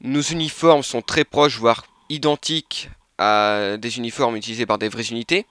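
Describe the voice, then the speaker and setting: Bright-voiced man casually reviewing gear. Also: mid-range voice, fairly even intonation, moderate pace, clear, resonant tone, dry recording, studio quality. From France. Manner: hesitant, many filler sounds and restarts. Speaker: airsoft reviewer. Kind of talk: casual product review talk.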